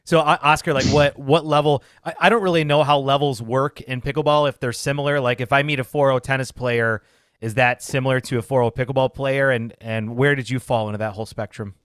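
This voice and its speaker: A man's voice: mid-range voice, steady tone, a little fast, a bit bright, smooth, no echo, clean studio sound. A man co-hosting a podcast, asking friendly questions and teasing his co-host. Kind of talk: casual interview chat.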